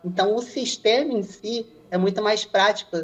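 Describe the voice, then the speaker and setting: A woman's voice: medium pitch, moderate pace. A woman with a Brazilian Portuguese accent, a stevedore telling her experiences in a casual podcast interview and acting out the remarks she quotes. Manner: animated storyteller who acts out quoted remarks. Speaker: stevedore guest. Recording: slightly dull lo-fi sound.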